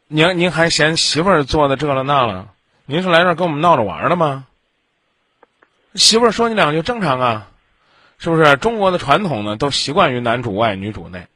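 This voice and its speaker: Beijing accent guy hosting advice call-in, raspy, telling people off, really dry close sound. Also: a little high, big pitch swings, a little fast, sharp tone, dry recording. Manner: blunt, scolding, rhetorical questions. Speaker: advice show host. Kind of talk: call-in relationship counselling.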